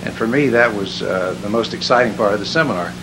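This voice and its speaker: A man telling a seminar testimonial as an animated storyteller who chuckles at his own jokes. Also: fairly low pitch, quick pace. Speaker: seminar attendee giving a testimonial. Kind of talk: spoken testimonial. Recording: hissy background noise.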